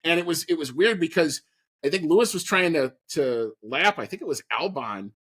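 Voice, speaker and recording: A sports podcast host with a fairly high-pitched, husky voice recaps the action at normal speed. He is casual and animated, putting emphasis on his opinions.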